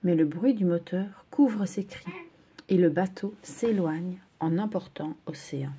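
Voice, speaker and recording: A woman reading a children's story aloud in a gentle, expressive way. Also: lowish voice, unhurried, slightly rough.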